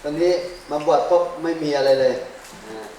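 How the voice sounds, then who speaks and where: A man who is a Buddhist monk, teaching a class with a handheld mic. He quizzes the audience and fills his pauses with a drawn-out "ah". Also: on the high side, warm tone. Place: large hall, standing before a seated group. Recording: very echoey hall, distant mic, faint noise.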